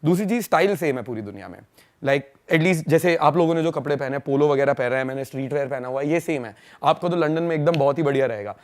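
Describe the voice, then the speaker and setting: A young man from India, a podcast guest, telling stories in a fast, slangy, casual way and laughing along. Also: on the high side. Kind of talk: casual storytelling chat.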